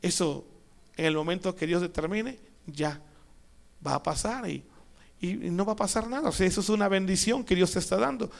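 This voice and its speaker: A man preaches a sermon, his voice sitting high for a man. He builds to emphatic peaks, then falls back into quiet asides. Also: fairly quick, gravelly. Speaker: pastor.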